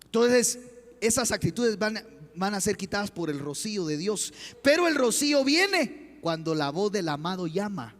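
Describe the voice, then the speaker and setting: A man's voice: high-pitched, big pitch swings, normal speed. A man preaching a sermon as pastor, impassioned and full of rhetorical questions, in a church. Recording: long church hall reverb.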